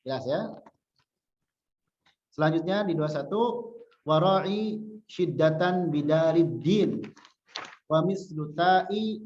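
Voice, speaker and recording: A male religious teacher leads a Quran recitation lesson, patiently repeating syllables to demonstrate correct pronunciation and chanting example verses slowly. His fairly high voice is a little mellow, recorded in an echoey room with dull, lo-fi sound.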